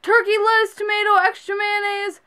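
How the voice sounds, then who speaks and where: A very high, whiny customer mimicked by a woman in a rant, clueless and dithering. The voice is oblivious and demanding, pushed well up in pitch. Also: flat delivery, normal speed, bright, forceful tone.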